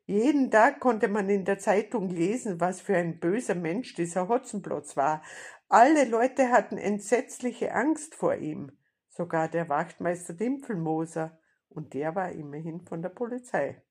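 A woman reads a children's story aloud at a slow, unhurried pace. Her voice is breathy and fairly low for a woman, and it stays calm and steady throughout. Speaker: narrator. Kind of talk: storybook reading.

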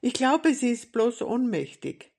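Woman playing an eager, boastful little jester lad with a bright, raised voice and a husky edge. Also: a little high, big pitch swings, measured pace, pitched above the performer's own voice, heavily acted. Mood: reassuring. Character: cheeky excitable puppet jester boy.

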